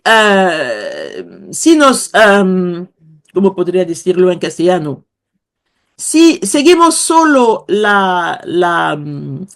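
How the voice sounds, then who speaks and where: Woman professor, high voice, measured unhurried delivery, pauses to find her words. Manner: slow, hesitant, searching for words. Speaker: guest professor. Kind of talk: explaining a language lesson.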